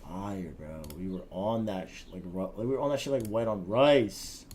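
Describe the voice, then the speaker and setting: A young man trading forex on a live stream, talking casually in slang with a husky voice like a smoker's, often mumbling and trailing off. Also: fairly low pitch, normal speed, darkish tone, a little hiss or hum.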